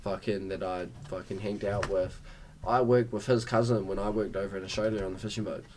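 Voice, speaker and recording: A man's voice: lowish voice, brisk, slight background noise. A young man with a broad New Zealand accent telling stories to his mates in casual, slangy, sweary chat, acting out who said what. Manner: animated storyteller who acts out quoted exchanges.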